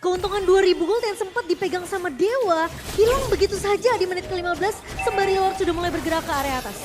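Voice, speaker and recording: Very high, fast-talking Indonesian woman caster. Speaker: esports analyst caster. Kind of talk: live game commentary. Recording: music playing behind the voice.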